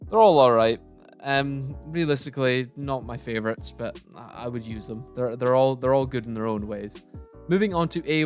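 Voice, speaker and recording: Sorting items on a tier list, a gaming YouTuber speaks loosely and opinionatedly, saying plainly what he likes and doesn't and reasoning aloud as he rearranges. His pitch is an ordinary middle, and soft music plays beneath him.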